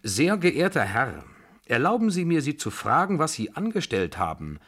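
A man's voice: medium pitch, sing-song, normal speed, voice pushed up. A man voicing a stern, pompous older general who speaks sharply and formally in a radio drama reading. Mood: indignant. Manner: indignant, sharp, stiffly formal.

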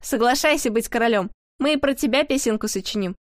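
A woman's voice: a little high, fairly quick, dry recording, clean studio sound, natural voice. A woman voicing a cheerful, pushy prankster who coaxes a boy along. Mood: coaxing. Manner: bouncy, coaxing.

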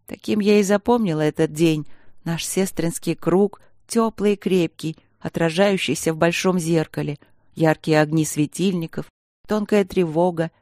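A woman narrating a novel in the first person, with even, expressive storytelling. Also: lowish voice, no room sound, studio quality. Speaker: audiobook narrator.

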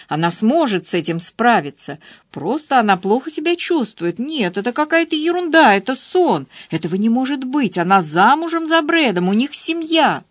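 A woman's voice: fairly high pitch, very animated, normal speed, dry recording, clean studio sound, voice pushed up. A woman voicing a tearful young woman in her late twenties who answers defensively and sharply. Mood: distraught.

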